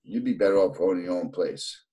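A New York man in his fifties, a podiatrist, chats casually as a guest on a video call from an indoor office. His low voice is brisk and warm, with a New York accent, and he rambles through many fillers and restarts while laughing easily.

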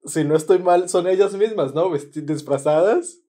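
A man's voice: sits high, normal speed, dark tone, soft background music. A man hosting a casual reaction video, enthusiastic and often repeating words as he searches for them.

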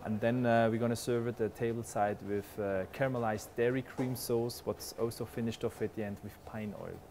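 A head chef in his 40s, this man talks through his dish while cooking in a big restaurant kitchen, relaxed and explanatory with lots of "uh" fillers. His mid-range voice runs a little fast, and his lapel mic picks up a light background hum.

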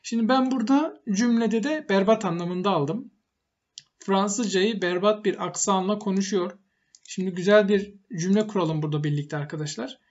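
A man's voice: sits high, normal speed, a little mellow, muffled recording. A man teaching English vocabulary, explaining each word step by step and repeating it for emphasis, with typing on a keyboard. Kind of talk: vocabulary lesson while typing.

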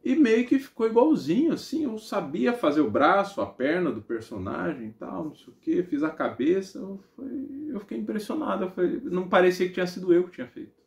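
A man with a Brazilian Portuguese accent preaching, telling a personal testimony as an animated story and acting out the dialogue. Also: high voice, a little fast, gravelly, hardly any pauses, roomy sound.

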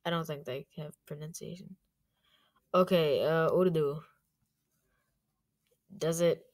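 A woman's voice: low-pitched, fairly even intonation, slow, a little mellow. A young woman giving rambling, chatty commentary in a casual vlog, with plenty of fillers. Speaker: YouTuber.

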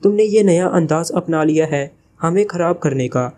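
A man's voice: on the high side, normal speed, warm tone, a little hiss or hum, natural voice. A man reading the part of an irritated young woman who scolds her teammate. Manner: exasperated, scolding. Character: irritated young woman, sharp team member.

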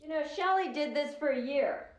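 Scattered chatty woman wanting a baby, lively up and down voice, roomy and a bit far from the mic. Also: high voice, fairly quick. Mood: teasing. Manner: rambling, distracted. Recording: roomy film sound from a distance.

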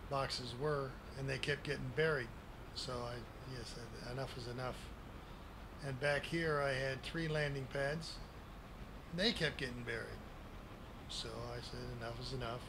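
A grandpa-like man in his sixties giving a casual, unscripted game tour in a folksy, plain-spoken way at a desk microphone. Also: mid-range voice. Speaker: gaming video creator giving a base tour. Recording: clearly noisy home recording.

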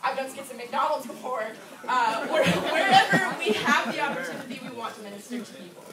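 Brief: energetic young woman from Florida, church announcements, echoey hall, far camera. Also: high voice, fairly quick, a loud crowd. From Orlando, Florida. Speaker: drama ministry team leader. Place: church hall with a wooden floor, indoors. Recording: echoey room from far off, noisy.

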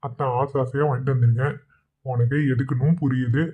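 Guy doing chill young husband in a village cartoon, soft coaxing voice, tinny phone-ish audio. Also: medium pitch, steady tone, fairly quick, breathy edge, lightly acted. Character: young village husband, loving and easygoing farm worker.

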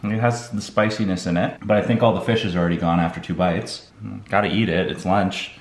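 Deep-voiced easygoing man, echoey room. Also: fairly even intonation, brisk. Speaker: vlog co-host. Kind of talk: casual vlog chat.

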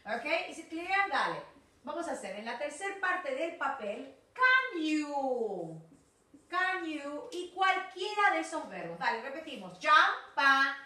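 A woman with an Argentine accent teaches English to children in a slow, high, lively voice. She drills words one by one and switches to Spanish to explain. Her voice is bright, echoey, and from off-mic. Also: distant mic. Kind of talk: recorded online class for children.

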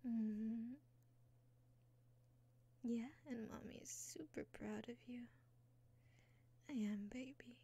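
A young woman doing an ASMR roleplay as a caring caretaker, whispering slowly and soothingly into a close mic, with frequent soft "mm-hmm" murmurs. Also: fairly high pitch, creaky, slightly rough. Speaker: ASMR creator. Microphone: close sensitive mic.

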